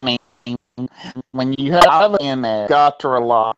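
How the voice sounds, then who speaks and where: A man's voice: mid-range voice, clean tone, no room sound, dull audio. A man talking sports on a phone set to speaker, his call audio breaking up as he chats casually. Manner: unhurried, digs up stats while talking. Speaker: sports podcast co-host.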